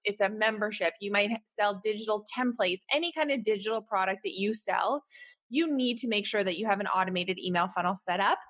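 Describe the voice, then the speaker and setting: Canadian woman in her thirties, mid-pitched, hosts a casual solo podcast, chatty and encouraging. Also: a bit bright. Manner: chatty, encouraging, many fillers like "like" and "right?". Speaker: podcast host.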